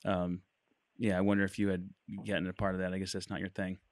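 A man's voice: low-pitched, completely flat delivery, fast, dry recording, studio quality. A man co-hosting a podcast in casual chat, joking and telling stories from his everyday life. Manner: joking, bursts into loud laughter. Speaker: podcast co-host.

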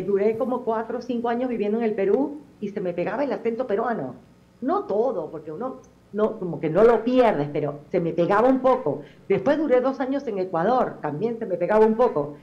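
A middle-aged woman, a telenovela actress appearing as a guest on a TV interview, talks in a chatty, expressive way full of fillers. Her Venezuelan accent carries some Argentine touches, and her voice sits a little high, with the high frequencies cut off.

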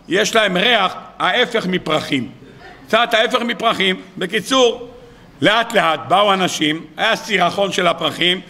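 A rabbi delivering a sermon, a man with a high voice that rings bright and sharp. He tells stories briskly and acts out each character's lines as he goes. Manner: lively storyteller acting out dialogue. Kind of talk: sermon with storytelling.

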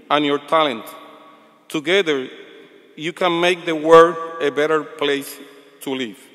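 Board chair, older man, measured formal address in a big reverberant auditorium. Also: fairly high pitch, a bit bright. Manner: measured, reads from notes at podium. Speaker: university board chair giving commencement address. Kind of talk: formal prepared speech. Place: large auditorium stage. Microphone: podium microphone. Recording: long hall reverb.

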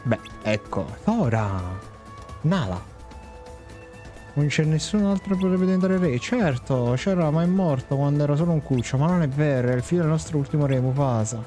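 Young male game streamer, mellow and fairly high voice, playful, slangy chat over game music. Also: expressive, normal speed. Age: young adult. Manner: playful, slangy, reads game dialogue aloud. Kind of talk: casual live game commentary, chat with viewers. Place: indoor room.

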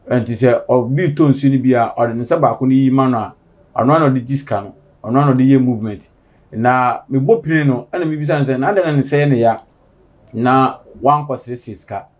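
A man's voice: medium pitch, darkish tone. A man with a Ghanaian accent, hosting a street interview and narrating with short murmured replies. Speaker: host and interviewer.

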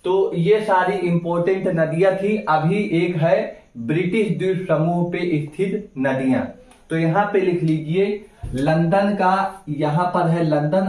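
Slow, echoey Hindi teacher man. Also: on the high side, mellow. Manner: slow, repeats names and quizzes the class. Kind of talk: exam-prep lecture at a map. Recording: echoey room, voice from far off.

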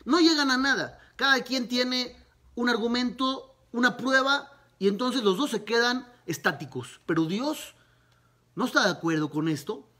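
A man, a rabbi, teaching a Talmud lesson, retelling a story with lively narration and rhetorical questions. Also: very high voice, moderate pace.

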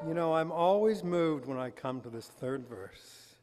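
A man's voice: on the high side, expressive, measured pace. A man leading a congregation in worship, speaking earnest prayers in a large church hall, recorded from a far camera. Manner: earnest, reverent spoken prayer. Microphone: far camera at back of hall. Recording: loud brass music over voice. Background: brass band and congregation singing.

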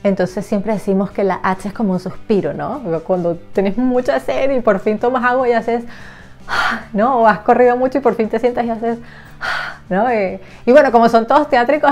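Lively woman teacher explaining a classroom game. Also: mid-range voice. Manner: lively, animated, acts out sounds and children's voices. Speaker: English teacher for young children. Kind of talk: casual explanatory lesson to camera.

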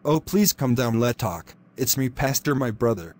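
A man voicing a gentle, consoling pastor in an animated drama. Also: medium pitch, moderate pace, close to an everyday voice. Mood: soothing. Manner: soothing, consoling. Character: gentle, reassuring male pastor.

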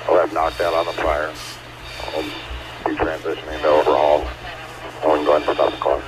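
Very deep male fire commander on radio. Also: level tone, a little fast. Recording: noisy vehicle radio.

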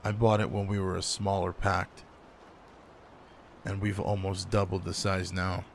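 A man voices a gruff but caring werewolf pack alpha in an intimate roleplay audio drama. He sounds low-key, casual, and matter-of-fact, with a flat, slightly slow delivery and a calm, welcoming mood. Noticeable background noise is present.

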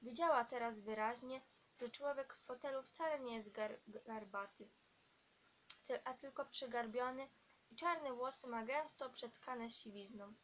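A woman narrating an audiobook at a steady reading pace, now and then stumbling and restarting a word. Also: on the high side, measured pace, slight background noise. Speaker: audiobook reader.

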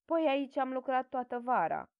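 A woman's voice: high voice, very animated, creaky, dry recording, dull audio, full character voice. Mihalco, a woman doing a naive peasant lad. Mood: earnest. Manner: naive, plain-spoken. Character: simple, earnest young peasant lad.

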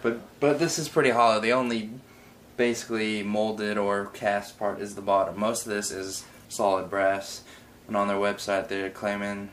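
A man's voice: fairly low pitch, flat delivery, normal speed, fairly bright tone. A young man giving a casual product review in an informal, loose, self-correcting way, recorded indoors by a camera a few feet away. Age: young adult. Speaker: hookah reviewer. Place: garage workshop, indoors. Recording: faint background room noise.

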